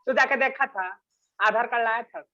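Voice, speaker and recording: Male teacher, high voice, unhurried delivery, dull lo-fi sound, reads a line then explains it. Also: pushed and bright, slight background noise. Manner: reads English sentences slowly, then explains them in Hindi. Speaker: English teacher. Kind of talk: bilingual class explanation.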